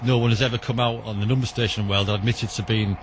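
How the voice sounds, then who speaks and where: This radio enthusiast talks quickly in a fairly low, steady voice while being interviewed outdoors in a back alley. His answers are detailed and matter-of-fact, with outdoor background noise in the recording.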